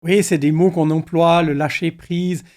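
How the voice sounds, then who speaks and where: A middle-aged pastor with a slightly high voice, calm and deliberate. He shares his thoughts in a measured, reflective way. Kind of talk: reflective conversation.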